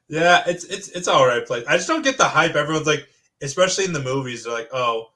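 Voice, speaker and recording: A young man hosts a loose podcast conversation, firing off questions and teasing his friends. His voice sits a little high for a man, and he breaks into laughter often. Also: very animated, bright, forceful tone. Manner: joking, question-driven, quick to laugh. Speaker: podcast host. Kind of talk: casual podcast chat.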